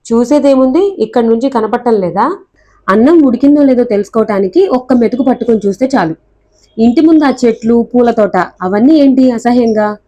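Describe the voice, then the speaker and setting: A petulant young man who grumbles and refuses at every turn, as a woman reads him from a novel. The voice stays mellow and a little high. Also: fairly quick, lightly acted. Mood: sulky. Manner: whiny, complaining.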